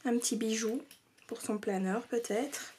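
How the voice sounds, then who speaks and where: A woman's voice: a little high, a little slow, a little mellow. A woman vlogger chatting casually while showing scrapbooking mail, hesitant with many fillers and sometimes dropping to a near-whisper. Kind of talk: casual craft show-and-tell. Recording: faint background noise and clicks.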